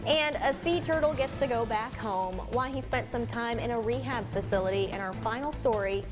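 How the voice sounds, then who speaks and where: A woman's voice: on the high side, normal speed, over music. An American woman reading scripted news as a television anchor.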